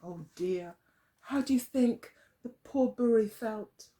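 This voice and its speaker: An early years teacher tells a story to young children in a slightly high, mellow voice at a slow pace. She's expressive, phrases things carefully, and asks the children questions.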